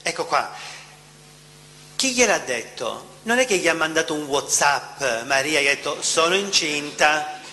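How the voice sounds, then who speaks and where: A man gives a sermon in a big reverberant hall, his voice bright and ringing and a little high for a man. He presses his points with questions and repeats key phrases. A faint hum sits underneath. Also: expressive, measured pace. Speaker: preacher.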